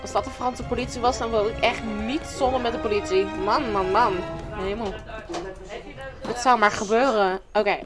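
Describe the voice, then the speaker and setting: A woman commentating a video game, excitable and reacting loudly to what happens. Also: a little high, moderate pace. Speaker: gamer. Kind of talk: let's play commentary. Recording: game music behind the voice.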